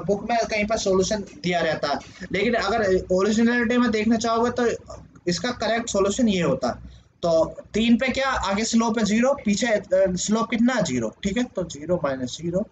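A young man teaching in a casual lecture, explaining step by step with many fillers and self-corrections. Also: high-pitched. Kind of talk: casual Hindi lecture working a problem on screen. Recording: slightly dull lo-fi voice with faint background hiss.

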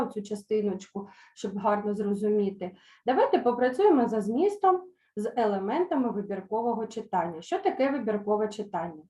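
A woman teacher reading a children's story aloud in an online lesson, then explaining words slowly and carefully with some hesitant fillers. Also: medium pitch, mellow, reverberant. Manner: slow, careful pronunciation of words for pupils to repeat.

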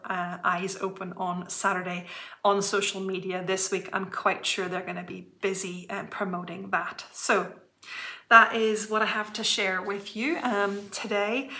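A woman's voice: medium pitch, bright, forceful tone. A woman chatting to camera in a heartfelt, chatty way as a cross-stitch vlogger. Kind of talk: casual chat to camera.

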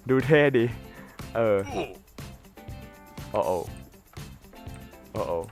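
A man's voice: fairly low pitch, expressive, drawn-out words, creaky, soft background music. A young man with a slight cold, chatting casually to his viewers while playing a game and wandering off into rambling asides. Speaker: gaming YouTuber. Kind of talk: casual gameplay commentary.

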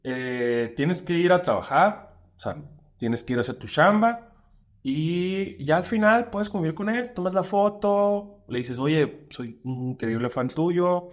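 A man, a stand-up comedian chatting casually as a podcast guest, slangy and animated, with lots of fillers. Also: high-pitched, unhurried.

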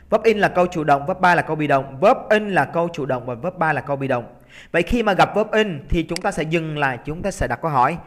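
Vietnamese man, english teacher, exam-prep lesson, lively and coaxing, slow drawn-out words, slightly high voice. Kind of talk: exam-prep lesson, explaining test answers. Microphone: computer recording while drawing on screen.

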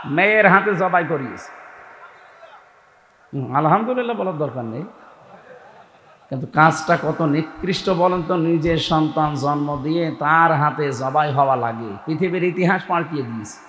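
উঁচু উজ্জ্বল কণ্ঠের আবেগী ওয়াজকারী পুরুষ, প্রতিধ্বনিময় হলে. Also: male voice, fairly high pitch, moderate pace. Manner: impassioned, rising to shouts when quoting scripture. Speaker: preacher. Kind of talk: waz sermon. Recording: echoey hall with long reverb.

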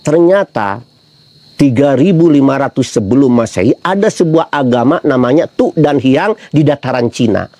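Lively, chatty man preaching a casual sermon. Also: medium pitch, normal speed. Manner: chatty, humorous storytelling with rhetorical questions to the audience.

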